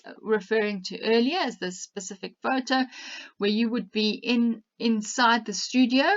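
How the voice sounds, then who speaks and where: A woman with a South African accent giving a presentation on media training, talking directly and instructively, with frequent fillers. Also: fairly high pitch. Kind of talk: presentation talk. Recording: dull lo-fi presentation recording.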